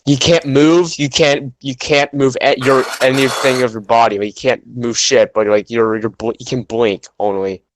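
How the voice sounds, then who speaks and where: A man's voice: mid-range voice, fairly even intonation, normal speed, hardly any pauses, low-quality recording. A young man chatting casually on a podcast, rambling with lots of fillers. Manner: rambling, heavy filler words. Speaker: podcast co-host. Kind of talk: casual chat.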